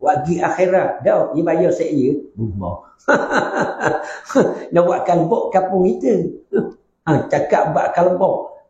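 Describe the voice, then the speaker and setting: A man giving a religious class, humorous and animated, often checking with questions to the class. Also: fairly high pitch, slow. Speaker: religious teacher. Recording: roomy, slightly dull recording.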